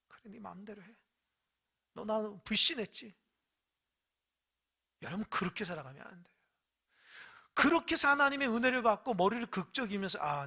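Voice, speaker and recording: A pastor preaching a sermon to a congregation, emphatic, asking rhetorical questions and swinging between loud exhortation and quiet asides. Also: medium pitch.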